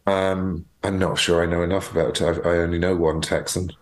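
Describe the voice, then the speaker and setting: A very deep-voiced man in a relaxed podcast chat. He asks wry, curious questions and turns jokes on himself, keeping the talk casual. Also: a little fast. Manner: wry, questioning, self-deprecating. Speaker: podcast co-guest.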